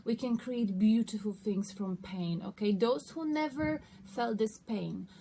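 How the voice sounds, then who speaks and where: A woman with a fairly high voice hosts a casual tarot reading. She talks conversationally, straight to her listeners, and often checks that they follow. There is some faint noise behind her. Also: a little slow, gravelly, warm tone. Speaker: tarot card reader hosting an online reading. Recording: noticeable background noise.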